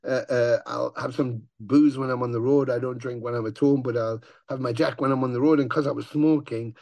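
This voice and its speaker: Gravelly, swearing man. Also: mid-range voice, fairly quick, no echo. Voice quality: gravelly growl. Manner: swearing, animated storyteller who acts out voices. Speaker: touring metal musician, guest. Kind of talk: casual interview chat.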